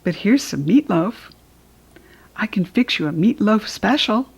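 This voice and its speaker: A woman voicing an eager, helpful young boy in an animated storytime reading. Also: medium pitch, unhurried, gravelly, husky, full character voice.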